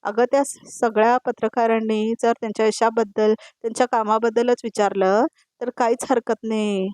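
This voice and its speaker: Anxious middle-aged mother, earnest, measured, a woman reading her, dry sound. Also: a little high, little pitch movement, a little mellow, dry recording, lightly acted. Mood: worried.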